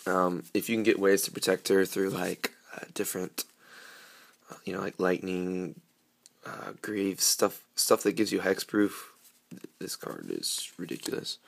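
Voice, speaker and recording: Low gravelly man with a cold. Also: animated, unhurried. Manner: rambling, filler-heavy. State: has a cold, voice grating. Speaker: card game vlogger. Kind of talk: casual unboxing chat.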